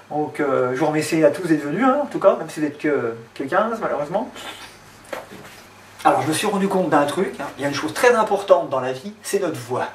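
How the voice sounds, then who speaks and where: A man performing a one-man stand-up show in a hall, chatty and deadpan, with lots of fillers, recorded from a distant mic. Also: on the high side. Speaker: stand-up comedian. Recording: roomy hall, far from mic, faint noise.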